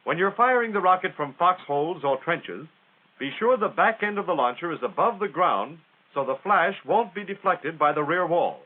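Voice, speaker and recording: Folksy and plain-spoken, an American male narrator speaks at a moderate pace with highly animated intonation for a 1940s military instructional film. The thin vintage sound is tinny and band-limited, like a 1940s film soundtrack.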